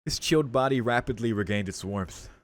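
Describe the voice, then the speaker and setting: Game music plays behind a man with a mid-range voice who speaks fairly quickly during a visual novel playthrough. As a streamer, he performs the text dramatically and reacts in casual slang.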